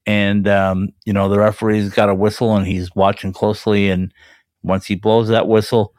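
A man co-hosting a hockey talk show, chatting in a relaxed way with lots of fillers. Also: fairly low pitch, normal speed, no echo. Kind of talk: casual sports chat.

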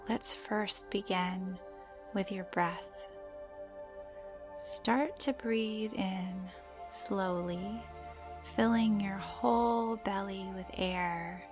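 Slow, soft-voiced woman guiding meditation over music. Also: mid-range voice. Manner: slow, gentle, drawn-out phrasing with pauses. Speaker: meditation guide. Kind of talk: guided meditation in a soft, breathy, soothing voice.

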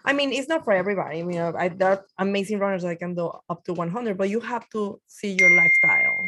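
A woman's voice: medium pitch, quick pace, heavy background noise. Chatty woman in her thirties from Mexico. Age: 30s. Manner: chatty, many fillers and restarts. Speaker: guest marathon runner. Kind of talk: casual podcast interview.

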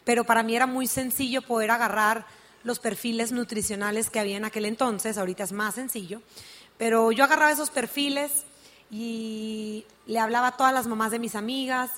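A woman's voice: fairly high pitch, steady tone, brisk, fairly bright tone. A young woman tells her personal story to an audience at a business event, speaking earnestly and often saying "pues". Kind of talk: personal story told on stage.

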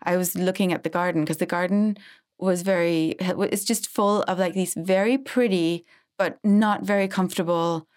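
A middle-aged woman from Denmark, a writer hosting a casual interview, who chats in an animated way and laughs as she acts out her own quotes. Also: fairly low pitch, moderate pace, clear, resonant tone. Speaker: podcast host and writer.

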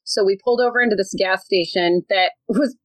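A woman's voice: medium pitch, fairly quick, dry recording, poor audio. A woman guest telling a road trip story in a chatty way, often laughing and saying "like". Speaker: podcast guest. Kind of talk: casual storytelling.

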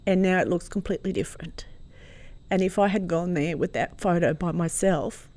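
A woman's voice: fairly low pitch, normal speed. Australian woman telling a personal story. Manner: animated, warm storyteller with frequent laughs. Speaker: guest.

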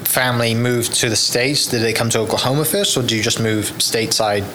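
A man's voice: medium pitch, brisk, bright, forceful tone, a little hiss or hum, poor audio. A man hosting a podcast, asking questions in a chatty, eager way with lots of fillers. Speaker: podcast host. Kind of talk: casual interview chat.

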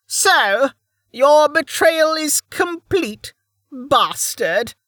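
A man voicing an ancient, withered old woman who is venomous and scornful, in a high, drawn-out voice. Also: lively intonation, bright, forceful tone, no room sound, clean studio sound, full character voice. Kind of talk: audiobook character voice.

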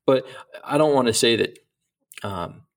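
In a casual interview, a middle-aged man appears as a missionary guest, speaking earnestly and reflectively and often restarting his sentences. His voice is mid-range and a little slow.

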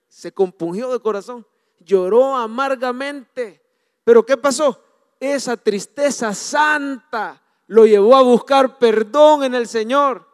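Male pastor, sermon delivery, clear high voice, reverberant church hall. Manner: animated preaching, swings from hushed to loud.

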